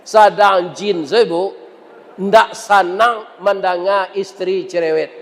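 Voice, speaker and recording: Minang guy preaching, high pitched, takes his time, keeps asking the crowd stuff, echoey big hall. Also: steady tone, slow. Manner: jokey, teasing the audience with questions. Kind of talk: humorous sermon with storytelling. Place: large mosque hall. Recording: reverberant mosque hall.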